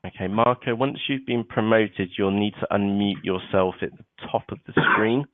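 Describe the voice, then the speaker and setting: Speaking at a moderate pace with a fairly low pitch, this webinar host is casual and talkative, dropping "okay" between points and "uh" along the way. His web conference microphone gives a tinny, call-like sound, though there's no room sound.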